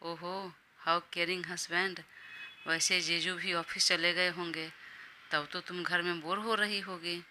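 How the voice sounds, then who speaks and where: A woman's voice: fairly low pitch, steady tone, unhurried, bright, forceful tone, slight background noise. A woman voicing a chatty young female college friend who teases and gushes, in an audio story. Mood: teasing. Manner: teasing, gushing.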